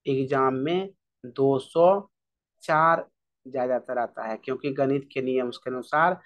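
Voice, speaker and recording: Slow man drilling a music lesson. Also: medium pitch. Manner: slow, repeats key terms drill-style with frequent "theek hai". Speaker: music teacher. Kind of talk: exam-prep music lesson.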